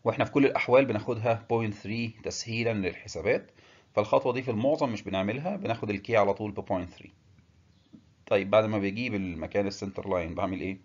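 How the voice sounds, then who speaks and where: A man with an Egyptian Arabic accent giving a technical engineering lecture, explaining step by step with filler pauses and English terms. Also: fairly low pitch, lo-fi sound.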